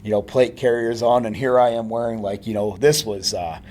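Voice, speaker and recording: A man who served in the army telling war stories as a podcast guest, in a low-key way that trails off quietly, with many fillers. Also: steady tone, fairly quick, slight background noise. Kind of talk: casual interview storytelling.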